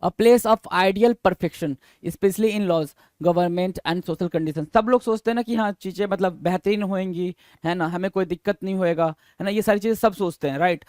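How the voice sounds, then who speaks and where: Man teaching vocabulary, higher voice, dry sound. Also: normal speed, hardly any pauses, a little mellow, smooth, no echo. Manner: mixes Hindi and English, repeats each answer and spells it letter by letter; asks the viewer questions and answers them himself. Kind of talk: recorded vocabulary lesson.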